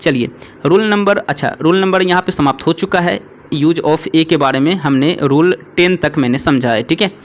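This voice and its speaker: A man's voice: a little high, normal speed. A man teaching an English grammar lesson, often stopping to check understanding and asking the learner questions. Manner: repeats "ठीक है" and poses questions to the learner. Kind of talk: classroom-style grammar lesson.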